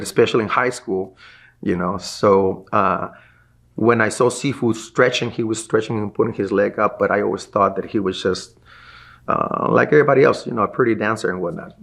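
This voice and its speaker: A man's voice: fairly low pitch, gravelly, fairly bright tone. A middle-aged man, a martial arts instructor, recounts a personal story in an interview and acts out the people he quotes.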